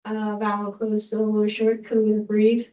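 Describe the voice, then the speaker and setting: A woman's voice: mid-range voice, monotone, moderate pace, warm tone, recorded from a distance. A woman student reciting phonics coding steps and reading words aloud in short answers.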